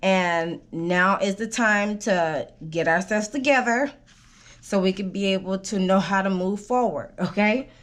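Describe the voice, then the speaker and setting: A woman's voice: medium pitch, measured pace. A woman giving a casual spoken tarot reading, meandering with fillers and restarts, often checking in with "okay?", and coughing now and then while she recovers from an illness. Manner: coaching, keeps asking "okay?". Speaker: tarot reader.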